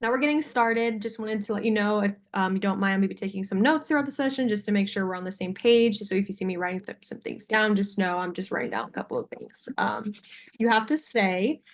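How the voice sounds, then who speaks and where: A young woman speaks as a salesperson on a video call, with a medium-pitched voice. Her delivery is informal and slightly hesitant, as she presents to a buyer. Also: lively intonation, fast talker. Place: video call with screen sharing.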